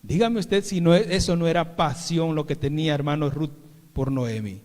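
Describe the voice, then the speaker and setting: A man with a Mexican Spanish accent preaching a sermon, calling the congregation "brothers" again and again and swinging between loud and soft. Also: on the high side, normal speed. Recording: long reverb of a church hall.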